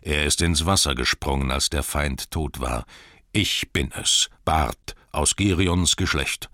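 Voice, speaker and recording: A man voicing a grim, tall archer who speaks in firm, measured declarations in an audiobook reading. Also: rumbling low, animated, bright, forceful tone, dry recording, clean studio sound, full character voice. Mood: proud. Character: grim, tall, dripping-wet male archer.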